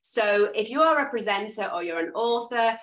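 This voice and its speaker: An English woman hosting a casual video call for an association of dog trainers, chatty and expressive as she tells stories. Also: mid-range voice, normal speed. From England. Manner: chatty, expressive storyteller, self-described loud and noisy. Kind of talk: casual chat.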